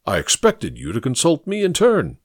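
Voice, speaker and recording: A man voicing a fat, genial, pompous older gentleman with a booming, patronizing lecturer's delivery in an audiobook reading. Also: huge pitch swings, normal speed, no room sound, studio quality, heavily acted. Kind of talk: audiobook character voice.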